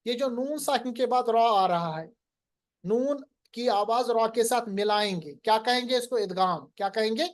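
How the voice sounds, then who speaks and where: A man with an extremely high voice gives an online lesson in Quran recitation. He tests his student with questions and stretches the recited words out slowly.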